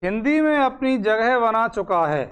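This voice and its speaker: A man teaching a grammar lesson, dictating slowly, repeating phrases and asking questions he then answers himself. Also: very high voice, expressive, fairly bright tone, smooth. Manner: slow, repeats phrases for note-taking, asks and answers own questions.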